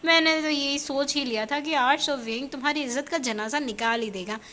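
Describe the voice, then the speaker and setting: A mischievous young man who teases with a smug grin, voiced by a woman. Bright, high and forceful in tone. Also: a little fast. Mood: teasing. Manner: teasing and smug.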